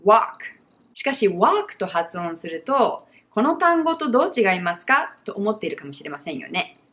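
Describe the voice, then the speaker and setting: A woman's voice: mid-range voice, big pitch swings, fairly bright tone. American woman teaching English pronunciation. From United States. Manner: slow, exaggerated model pronunciations. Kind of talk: bilingual pronunciation lesson.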